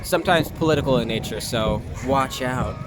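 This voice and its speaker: Out on a busy city street with traffic noise, a young American interview guest, an actor and artist from Long Island, New York, responds casually at a moderate pace. His voice is mid-range, and he comes across as easygoing, pausing hesitantly while he works out his thoughts. The recording is noisy, as expected outdoors in a city.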